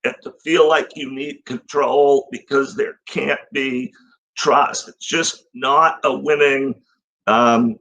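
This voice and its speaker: A man who is a guest on a podcast, talking about leadership in a reflective, measured way. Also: mid-range voice, steady tone, a bit bright, lo-fi sound. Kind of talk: casual podcast conversation.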